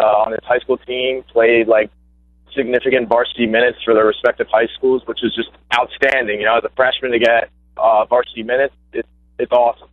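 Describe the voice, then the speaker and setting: A young man with a medium-pitched voice calls in as a guest to a casual phone interview; he used to play high school basketball. He talks eagerly, with plenty of fillers and restarts. The recording is dry over a tinny phone line.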